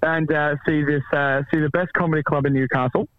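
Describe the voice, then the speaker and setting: Aussie comic guy phoning in a bit tipsy, laid-back and jokey, slightly high voice, dry sound. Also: steady tone, a little fast, no echo. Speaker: comedian guest calling in. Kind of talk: casual phone chat. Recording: phone call line.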